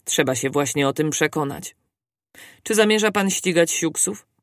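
A reader voicing a calm, composed English gentleman who speaks in a measured, even way. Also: medium pitch, dry recording, clean studio sound, lightly acted. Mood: calm resolve. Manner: measured and cool.

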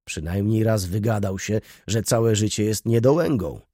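Brief: male reader voicing a sarcastic clerk, low-key, dry close mic. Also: normal speed, warm tone, slightly rough, no room sound. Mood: sardonic. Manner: dry, mocking remarks. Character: sardonic male shop clerk, dry wit.

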